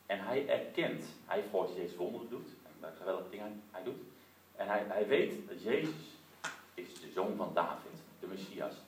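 Lively male preacher in an echoey room. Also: deep voice, moderate pace. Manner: lively storytelling with many rhetorical asides. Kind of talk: sermon with prayer for listeners at home. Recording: roomy echo, distant mic, faint noise.

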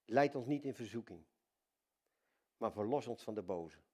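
An older man preaching a sermon, talking to God as his dad, swinging from soft intimate asides to loud excited exclamations. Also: lowish voice, normal speed, slightly rough. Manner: addresses God casually as dad.

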